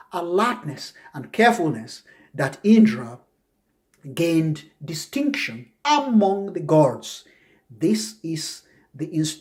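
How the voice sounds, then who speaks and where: A man giving a spoken commentary lecture on scripture, emphatic and repetitive, often jumping up high to act out mock questions. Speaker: religious commentator.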